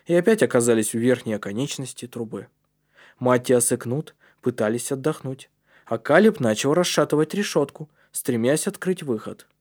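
A man reading a storybook aloud as narrator in a steady, measured way. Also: mid-range voice. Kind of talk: audiobook narration.

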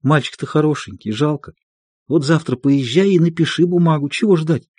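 A man reading an audiobook and voicing a kindly, fretful elderly peasant woman who pleads softly. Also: on the high side, moderate pace, breathy edge, dry recording, voice pushed up. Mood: pleading. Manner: pleading, soft-spoken.

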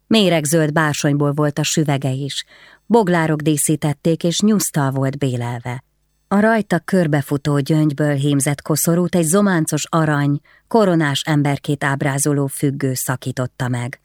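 A woman narrating a historical novel in a measured, descriptive way. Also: deep voice, darkish tone, no room sound, clean studio sound. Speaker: audiobook narrator. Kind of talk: scripted literary narration.

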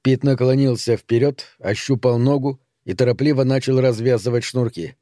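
Male audiobook narrator, measured telling, dark mellow tone, dry close sound. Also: mid-range voice, steady tone, no room sound. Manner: measured storytelling.

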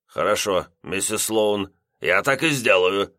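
A man's voice: fairly low pitch, animated, unhurried, sharp tone, no room sound, clean studio sound. A man voicing a drunk, giggling heavyset lodger who talks in a silly, drawling way. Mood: tipsy.

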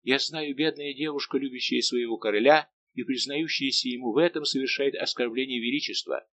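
A man's voice: medium pitch, brisk, fairly bright tone. A man reading as a desperate young woman in love. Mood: impassioned. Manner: impassioned, pleading.

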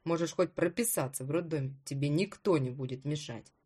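A woman reading an audiobook voices a cold, dismissive husband in a lowered voice. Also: brisk, mellow, slightly rough. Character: cold, smug husband, adult man.

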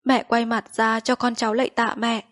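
A woman's voice: fairly high pitch, level tone, moderate pace, natural voice. A woman voicing a middle-aged district mandarin, a grieving son who speaks formally and respectfully to his dying mother.

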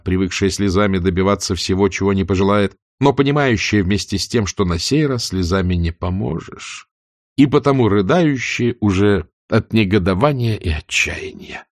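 A man narrating a classic novel as an audiobook, in a theatrical, expressive way. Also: lowish voice, no echo, studio quality. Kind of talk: scripted narration.

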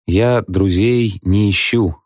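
A meek, evasive husband answers with mild jokes and proverbs, voiced by a man reading the story. The voice is deep and unhurried. It sounds close and dry. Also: dry recording. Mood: placating. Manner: mild, placating, proverb-quoting.

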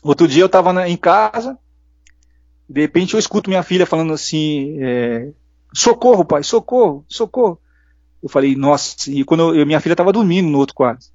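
A man's voice: fairly high pitch, fast talker, a little mellow, no room sound. A middle-aged Brazilian man telling earnest personal stories as an interview guest, acting out the voices he quotes. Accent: Brazilian Portuguese. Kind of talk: casual interview testimony. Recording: dull lo-fi dry sound.

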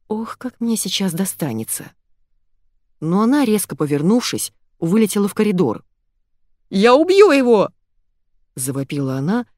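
A woman narrating a comic story in the first person, with a lively, ironic telling. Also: fairly low pitch, no echo, clean studio sound. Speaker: audiobook narrator.

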